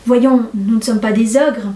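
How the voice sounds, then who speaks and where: A woman's voice: on the high side, fairly even intonation, measured pace, roomy sound, natural voice. A woman doing a kindly old man coaxing a shy girl. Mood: reassuring. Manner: gentle, encouraging.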